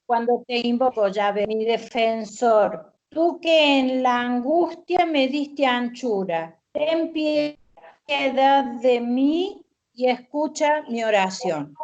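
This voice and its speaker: A woman in a class reading a psalm aloud carefully and haltingly. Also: high-pitched, expressive, darkish tone. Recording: dull lo-fi sound.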